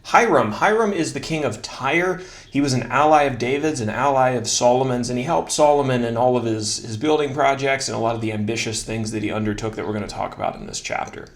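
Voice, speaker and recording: A man giving a casual Bible study lesson in a relaxed, self-deprecating way, joking about his own slips. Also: medium pitch, fairly quick. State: slightly out of breath.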